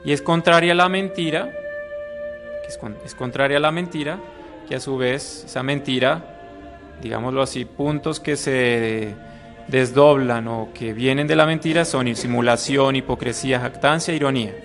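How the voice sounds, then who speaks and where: Priest teaching catechism. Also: male voice, mid-range voice, normal speed, a bit bright, faint music behind. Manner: conversational, acts out little quoted voices, asks "¿mm?" often. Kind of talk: catechism class talk. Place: room with a live audience.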